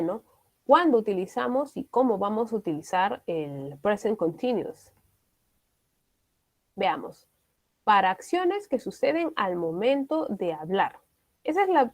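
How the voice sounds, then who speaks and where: A woman's voice: a little high, darkish tone. A woman, teaching an online English class. She explains step by step and often checks in with her students.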